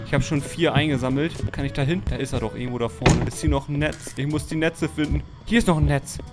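A man doing let's-play commentary of a horror game, talking straight to his viewers, jumpy and quick to yelp and shout when startled. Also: medium pitch. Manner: keeps addressing viewers as friends. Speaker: gaming YouTuber.

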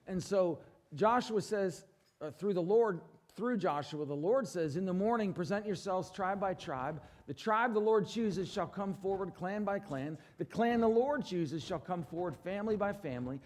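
Preaching from the stage of a church, a middle-aged man speaks in an animated way at a moderate pace. His sermon shifts from emphatic, booming statements to hushed remarks, and he calls on the congregation for their assent.

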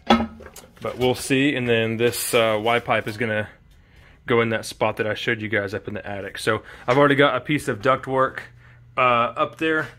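A man talks through his garage build in a relaxed, unscripted way, filling pauses with ums and uhs. His voice sits at an ordinary middle pitch. It sounds like a home DIY video recorded on the spot. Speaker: DIY vlogger. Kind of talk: casual walkthrough narration.

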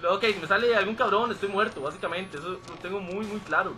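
A man's voice: sits high, fast, bright, forceful tone, a little hiss or hum. A man commentating a horror game, jumpy and joking, swearing often. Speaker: gameplay commentator. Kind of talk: let's play commentary.

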